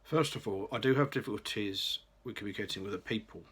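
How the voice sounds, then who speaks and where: This is a young man from Birmingham, England, in his late 20s, who talks fast in a low, husky voice that still sounds bright. He reads his scripted personal vlog carefully, occasionally restarting.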